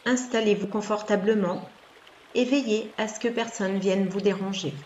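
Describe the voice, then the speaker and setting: In a steady, mid-range voice, a woman guides a yoga nidra meditation, her soothing instructions slow and gentle with long gaps between them. The lo-fi recording sounds slightly dull, and running water and noise can be heard behind her.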